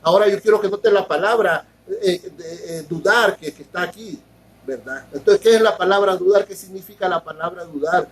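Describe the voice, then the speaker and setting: Husky high-voiced male pastor preaching. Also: rough recording. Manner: explains slowly, repeats words and keeps asking ¿verdad?. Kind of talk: sermon.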